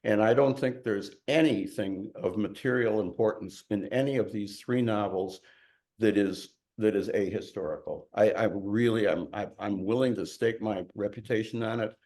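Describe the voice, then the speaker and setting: A man's voice: on the low side, moderate pace, a little mellow. Older man, candid novelist's talk. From Chicago, USA. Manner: candid, self-deprecating, emphatic. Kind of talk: informal talk to an audience.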